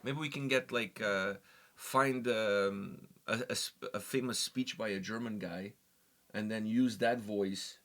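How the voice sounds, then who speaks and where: A young man co-hosting a music reaction show, chatting casually and ranting with animated, jokey energy. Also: lowish voice, a little slow. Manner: rambling, animated, jokey rants. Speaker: reaction channel co-host. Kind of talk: casual chat.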